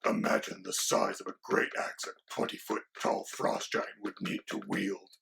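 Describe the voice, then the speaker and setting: A man voicing a mock-menacing male dragon sidekick who explains monster lore in a hushed, lecturing way. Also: moderate pace, natural voice. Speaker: co-host.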